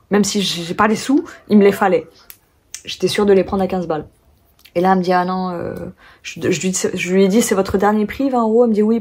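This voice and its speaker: A woman's voice: mid-range voice, a little mellow. A young French woman chatting casually in a haul vlog, telling stories with many fillers and restarts. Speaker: vlogger.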